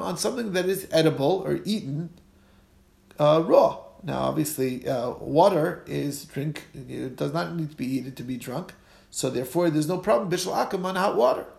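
A man's voice: on the high side, creaky, a little mellow, echoey room. A man teaches a religious class informally as a rabbi, reading text and explaining it conversationally with questions he answers himself. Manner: conversational, asks and answers own questions, checks in with listeners.

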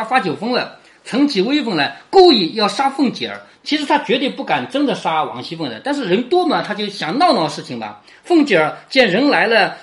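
In a mid-range voice, a teacher goes over a chapter from a classic novel as if in conversation. The listener is often asked "right?", and sentences tend to trail off into a quiet tag.

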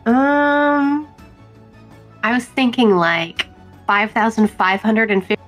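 A woman's voice: fairly high pitch, steady tone, takes it slowly, a bit bright, faint music behind. A woman talking casually as a player in a tabletop game. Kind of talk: casual play chat.

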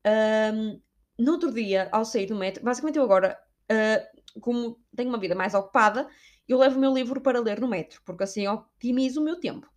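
A young Portuguese vlogger with a European Portuguese accent chats to her viewers, telling stories in a digressive way and slipping Spanish words into her speech. Her voice is a little high and brisk.

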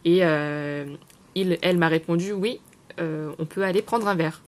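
Slightly low-voiced woman teaching casually. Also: darkish tone. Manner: unhurried, explanatory, many fillers. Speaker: podcast host teaching French expressions. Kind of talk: casual spoken lesson.

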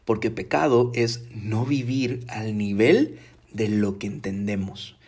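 A man preaching a casual sermon from his home, talking in a conversational, emphatic way and slowing down to stress key words. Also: on the low side, darkish tone, husky. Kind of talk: casual live-streamed sermon.

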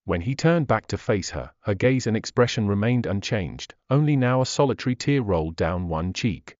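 A male narrator reads a fantasy audiobook in a measured, expressive way, his low voice rising and falling widely. The recording is dull and very dry, with no room sound. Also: no echo.

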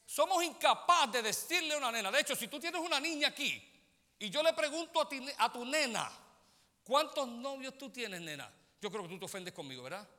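Animated high-pitched preacher. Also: male voice, fast talker, long reverb tail. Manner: animated preaching, often calls listeners "brother" and checks they follow. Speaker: pastor. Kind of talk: sermon. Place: church sanctuary.

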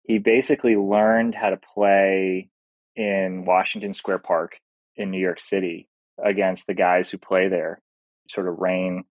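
Deep-voiced man explaining casually, dry sound. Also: flat delivery, measured pace, dry recording, poor audio. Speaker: podcast guest, investor.

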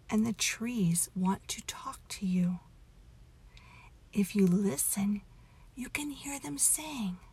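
A woman softly leading a guided meditation story in a hushed, soothing half-whisper, intimate as if right by your ear. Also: medium pitch. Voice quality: soft, breathy, half-whispered. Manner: gentle, drawn-out delivery.

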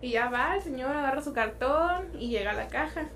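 A woman's voice: high-pitched, animated, a little fast, background noise. A young woman, a podcast guest casually telling workplace anecdotes with a chatty, laughing manner. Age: young adult. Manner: chatty storyteller, laughs through her anecdotes. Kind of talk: casual chat.

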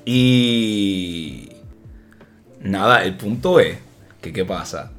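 A young Puerto Rican man hosting a podcast, telling stories in a casual, animated way and often laughing. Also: low-pitched, very slow, faint music behind. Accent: Puerto Rican Spanish. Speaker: podcast host. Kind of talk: casual storytelling chat.

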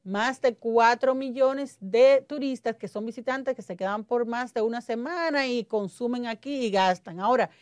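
Dominican woman host, high, blunt talker, dry studio. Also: moderate pace, few pauses, no room sound. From Dominican Republic. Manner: outspoken, animated, quotes people in voices. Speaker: podcast host. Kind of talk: casual news chat.

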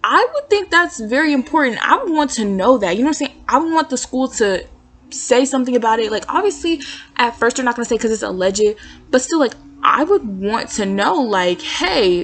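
Young female student podcaster, casual solo monologue from a dorm room, chatty and filler-heavy. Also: on the high side. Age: young adult.

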